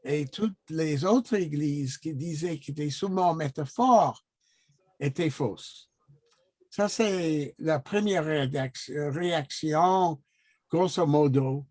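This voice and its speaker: A man who is not a native French speaker, speaking French with a foreign accent in an unscripted discussion, haltingly searching for words. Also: a little high, darkish tone, no room sound. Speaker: guest commenter in a discussion.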